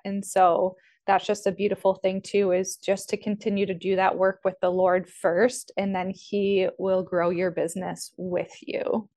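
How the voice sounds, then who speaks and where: A young woman speaks in a faith-centered interview, earnest and reflective. Her voice sits in a middle register as she recounts her story with quiet conviction. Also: medium pitch. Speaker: coaching student, nutrition business owner. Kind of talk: faith-based interview conversation.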